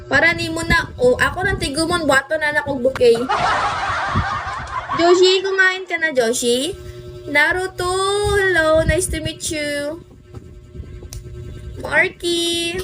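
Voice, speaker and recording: A woman's voice: very high voice, slow pace, long pauses, music in the background. A woman from the Philippines with a Filipino accent, chatting on a livestream and greeting viewers by name. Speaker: livestream host. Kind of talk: casual livestream chat.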